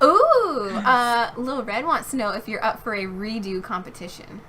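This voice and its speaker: A young woman hosts a livestreamed podcast, giggling often and keeping things upbeat as she puts questions to her guest. Her voice is bright, fairly high and very lively in pitch. A faint hum of background noise sits behind her. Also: normal speed. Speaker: podcast host. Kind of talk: casual interview. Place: home streaming setup. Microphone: streaming mic.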